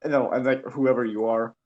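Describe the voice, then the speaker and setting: A man's voice: medium pitch, fairly even intonation, measured pace, a little mellow, highs cut off. A young man chatting casually on a podcast with friends, rambling and laughing, full of restarts and fillers.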